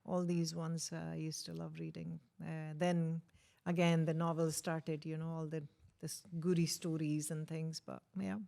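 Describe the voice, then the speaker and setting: Low-pitched Indian-accented woman, emphatic and repetitive. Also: little pitch movement, normal speed, creaky, few pauses, dark tone. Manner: emphatic, repeats words and short phrases. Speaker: interview guest, author. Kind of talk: reminiscing in a conversational interview.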